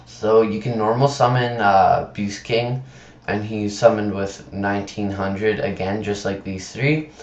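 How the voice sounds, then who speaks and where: A man giving casual commentary on a screen recording, halting and stumbling over words, sick with a sore tongue and throat. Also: steady tone. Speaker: presenter of card game videos. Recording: dull, roomy low-fi computer mic.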